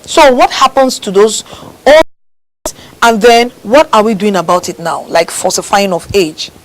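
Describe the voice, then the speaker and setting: Brisk woman hosting a call-in. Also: mid-range voice, rough recording. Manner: brisk, takes calls, presses callers to speak up. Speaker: call-in show host. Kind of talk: broadcast call-in talk.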